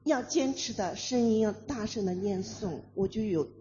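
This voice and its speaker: A woman's voice: mid-range voice, extremely slow, mellow. A woman at a meditation session asking the teacher a question, hesitant and searching for her words. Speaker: retreat participant asking a question. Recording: dull lo-fi recording with faint room noise.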